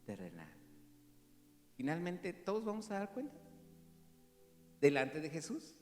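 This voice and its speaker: A man, a pastor preaching an animated sermon that swings from loud to hushed. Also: a little high, measured pace, big-room sound, faint music behind. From Mexico. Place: church hall.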